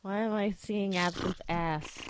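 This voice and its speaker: A woman's voice: medium pitch, steady tone, unhurried, a little hiss or hum. A sleepy woman in a casual chat, making dry, teasing remarks.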